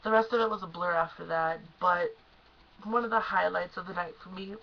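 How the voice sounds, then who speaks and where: A young woman excitedly recapping a concert she went to, gushing and emotional, at times choked up. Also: on the low side, a little fast, vocal fry, muffled recording, slight background noise. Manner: gushing, emotional, lots of "like" and "oh my gosh". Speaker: concert fan vlogger.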